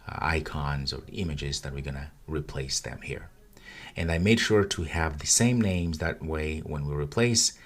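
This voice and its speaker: A man giving a casual screen-recorded coding tutorial, talking through each step as he clicks around his project. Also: very deep voice. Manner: casual, talks while clicking through files. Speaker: coding instructor.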